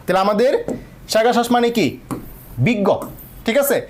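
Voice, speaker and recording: A man's voice: very high-pitched, moderate pace. A man teaching English vocabulary in an online class, explaining patiently and often checking that students follow.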